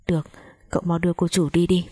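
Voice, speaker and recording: An anxious middle-aged housekeeper frets over her young mistress with worried questions. Her voice is dark and husky. A woman storyteller reads her lines. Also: on the low side, little pitch movement, quick pace, lightly acted.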